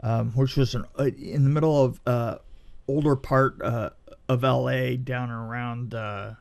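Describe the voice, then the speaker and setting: On a podcast, a middle-aged guest with a background in film effects relates anecdotes animatedly, acting out quotes and frequently repeating phrases. He speaks at a measured pace in a medium-pitched voice with vocal fry.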